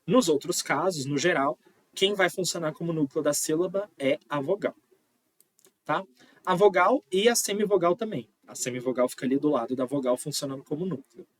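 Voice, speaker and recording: A man's voice: fairly high pitch, normal speed, no echo. A man giving an online phonology lesson, explaining patiently and often checking in with "tá?". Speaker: linguistics teacher.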